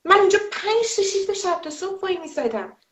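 A woman's voice: extremely high pitch, sing-song. A woman, a former TV presenter, giving a personal testimony in an emphatic, indignant way with rhetorical questions. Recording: roomy, slightly dull audio.

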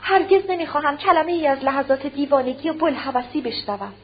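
A woman's voice: muffled recording, lightly acted. A woman voicing a hurt, bitter wife. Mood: angry. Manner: deep voice, curt.

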